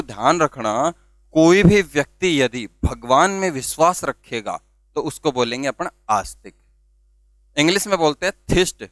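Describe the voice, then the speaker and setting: A man's voice: fairly high pitch, a bit bright, no room sound. A man teaching vocabulary, asking questions and answering them himself and spelling words out letter by letter. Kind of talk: classroom-style video lesson.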